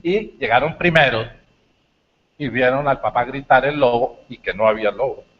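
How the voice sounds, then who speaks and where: A man giving a university lecture, telling stories with animated, shouted bits. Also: mid-range voice, normal speed, lo-fi sound. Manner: animated storytelling, shouts acted lines. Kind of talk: lecture talk.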